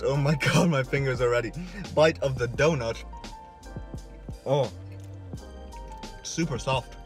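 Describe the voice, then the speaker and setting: An excitable young Irish fitness vlogger eats in a parked car, exclaiming between bites and laughing often in a mid-range voice. It's a casual food vlog shot with the camera at arm's length, also set in a kitchen at home, with music playing behind.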